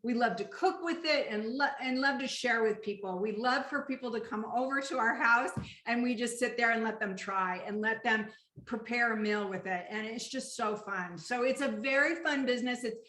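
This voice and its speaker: A woman's voice: on the high side, normal speed, pushed and bright, echoey room. A woman co-hosting a casual sales call over video from home, chatty and enthusiastic. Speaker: co-host of a sales opportunity call.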